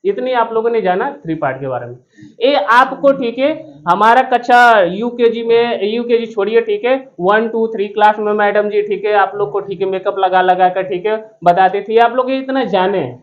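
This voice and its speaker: A man's voice: high voice, normal speed. Male teacher, classroom grammar lesson, repeats questions for the class to answer, cracks jokes, slightly muffled audio. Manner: repetitive question-and-answer drilling; joking asides to students. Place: classroom with students present.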